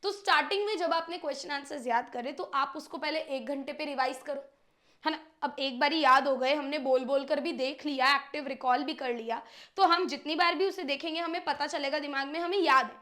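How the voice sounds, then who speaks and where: A woman's voice: high voice, fairly quick, pushed and bright. A young woman teacher giving students study tips, talking straight to them and acting out their questions.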